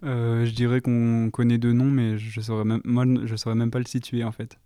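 Tentative man with smooth, mellow voice. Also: medium pitch, monotone, moderate pace. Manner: tentative, restarts often. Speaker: interviewee.

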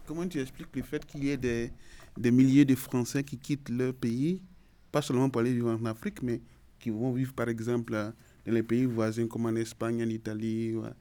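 A man's voice: mid-range voice, flat delivery, normal speed, dark tone. A man in a group discussion pressing a challenging question. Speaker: discussion participant.

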